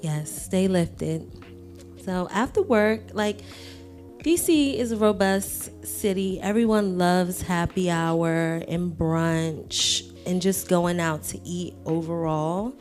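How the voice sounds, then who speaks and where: A woman's voice: lowish voice, slow, a little mellow, soft background music. A woman from Washington, D.C., co-hosting a casual podcast chat, candid and frank, with some swearing. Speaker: podcast co-host.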